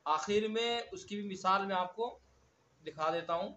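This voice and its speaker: Male recitation teacher, high bright voice, slow chanted verses, drills words by repeating them, dull lo-fi recording. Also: reverberant. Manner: slow drawn-out recitation of verses between quick explanations. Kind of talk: online tajweed lesson.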